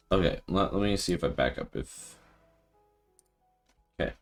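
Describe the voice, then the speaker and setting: A man streaming live and thinking out loud with casual commentary, laughing often. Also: low voice. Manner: thinking aloud, frequent laughter.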